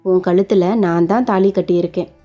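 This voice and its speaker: A woman's voice: lowish voice, steady tone, brisk, mellow, faint music behind, natural voice. A woman voicing a devoted young man who earnestly reassures his new bride in a spoken story. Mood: reassuring. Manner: earnest, reassuring, explains at length.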